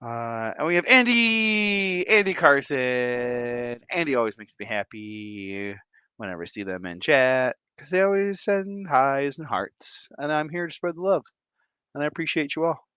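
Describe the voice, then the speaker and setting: A man hosting a casual livestream, greeting viewers in an excitable, effusive way and laughing often. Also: medium pitch, moderate pace, clear, resonant tone, no room sound. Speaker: livestream host.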